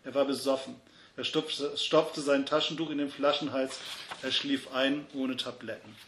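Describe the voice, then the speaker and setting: A man reading a story aloud, shouting the characters' angry lines when they come up. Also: medium pitch, steady tone, moderate pace, echoey room, a little hiss or hum. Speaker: reader.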